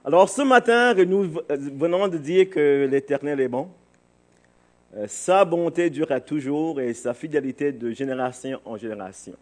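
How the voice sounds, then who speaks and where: A higher-voiced man from Barbados, a native English speaker, preaches an informal sermon to a congregation. His delivery is halting as he searches for words.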